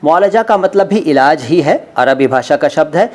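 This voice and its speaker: A middle-aged man teaching word meanings, repeating each word with careful, slow pronunciation. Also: fairly high pitch, expressive, a little mellow. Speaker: language teacher.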